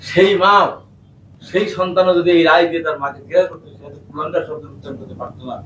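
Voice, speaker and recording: A man's voice: a little high, racing, slight background noise. Fiery Bangladeshi man at a rally. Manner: impassioned, rising to shouted chants. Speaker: political speaker at a protest rally. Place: outdoor or hall rally. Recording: echoey, distant PA sound with faint ambience.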